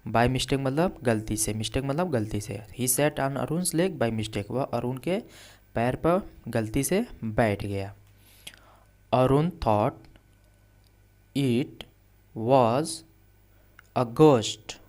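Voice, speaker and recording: A male teacher explains English reading and grammar in Hindi at an unhurried, deliberate pace. He reads each story word aloud, then repeats it with its meaning, patient and methodical. His voice sits at an ordinary middle pitch. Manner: reads the English story words slowly and louder.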